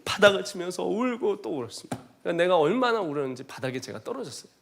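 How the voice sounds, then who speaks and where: A man's voice: sits high, lively intonation, quick pace, gravelly. A missionary giving a testimony sermon, telling his story in an earnest, emotional way.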